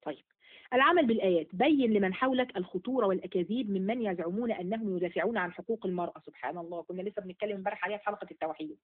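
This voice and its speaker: A woman with an Egyptian accent teaching an online Quran lesson, asking quick questions and repeating key words. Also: mid-range voice. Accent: Egyptian Arabic. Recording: phone-like narrow audio.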